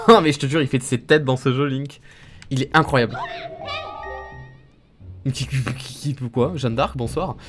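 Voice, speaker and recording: A man streaming a video game live, joking and reacting excitably to it, recorded on a studio streaming mic. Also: mid-range voice, moderate pace, long pauses. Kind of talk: live gaming stream commentary. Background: game music.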